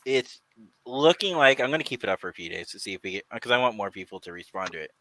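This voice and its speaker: A man's voice: lowish voice, animated, quick pace, bright, forceful tone, poor audio. A man co-hosting a casual online talk show, rambling and laughing often. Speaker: podcast co-host. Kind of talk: casual chat.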